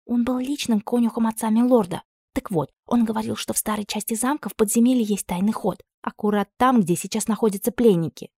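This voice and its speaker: A woman voicing a sharp-tongued young lady's maid who gossips in a dry, sarcastic way. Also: fairly high pitch, a little fast, few pauses, breathy edge, no room sound, pitched above the performer's own voice. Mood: confiding.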